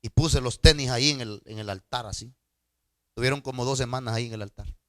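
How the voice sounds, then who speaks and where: A middle-aged man preaching a storytelling sermon as a pastor, swinging from loud outbursts to hushed asides and stammering repetitions. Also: medium pitch, brisk, no echo, studio quality. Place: church.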